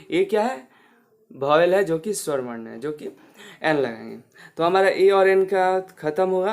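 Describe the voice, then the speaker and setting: A male teacher with a Hindi accent gives an English grammar lesson in a classroom. He keeps asking the class questions and then answers them himself. He repeats the key words. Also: a little high.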